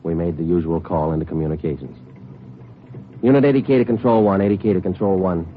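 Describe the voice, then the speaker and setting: A fast-talking American man with a low-sitting, natural voice plays the detective-narrator of a 1950s radio drama, a clipped, matter-of-fact, dogged sergeant. Behind him runs music, and the muffled old recording carries a little hiss or hum.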